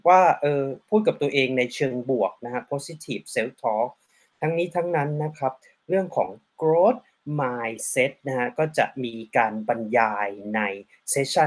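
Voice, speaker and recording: Male host and interpreter, mid pitch, courteous, summarizing his guest's answers. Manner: polite, summarizes the guest's answers and adds frequent polite particles. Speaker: interviewer and translator. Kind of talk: bilingual interview with translation.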